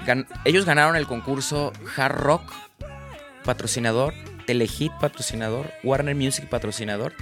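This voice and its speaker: A man's voice: mid-range voice, normal speed, creaky, music in the background. A man with a Mexican accent, a singer-songwriter guest telling rambling, slangy anecdotes and acting out his friends' lines. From Tabasco, Mexico. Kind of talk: casual storytelling interview.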